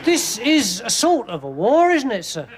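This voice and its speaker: An actor playing a dim-witted, earnest private with a Cockney accent, in a played-back TV comedy clip. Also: male voice, very high-pitched, wildly swooping pitch, heavily acted. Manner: slow, simple-minded earnestness. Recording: TV clip played back with loud background noise.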